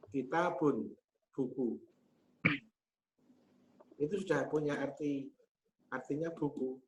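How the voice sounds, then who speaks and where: A man, teaching Arabic grammar patiently and methodically, pausing often on hesitation sounds. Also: medium pitch, a little mellow. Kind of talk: explaining grammar in a class. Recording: slightly muffled with faint hum.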